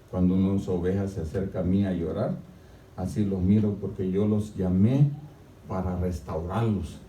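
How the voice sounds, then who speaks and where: A pastor preaches a sermon, frequently saying "hermano" and swinging into loud, high-pitched shouting. The sound is roomy and echoey, picked up by a distant mic in a church.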